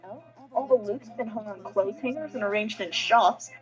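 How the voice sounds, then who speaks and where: A woman's voice: mid-range voice, moderate pace, soft background music, poor audio. A woman playing a story game and reacting in a sarcastic, exasperated way. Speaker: player. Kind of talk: casual game play chat.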